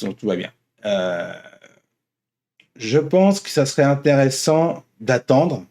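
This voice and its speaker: Mellow and medium-pitched, a man hosting an online opinion vlog talks without a script. He wanders casually through his thoughts, frequently repeating and rewording what he says.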